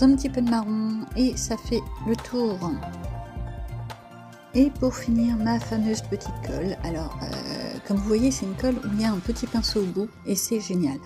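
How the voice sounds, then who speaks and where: A French-accented woman chatting casually through a crafting tutorial, self-deprecating and full of fillers. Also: medium pitch. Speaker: crafting vlogger.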